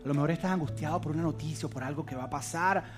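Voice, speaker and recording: Earnest pastor, soft guitar behind. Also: male voice, racing. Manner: earnest, confiding, drops to soft low tones. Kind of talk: sermon. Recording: music playing behind.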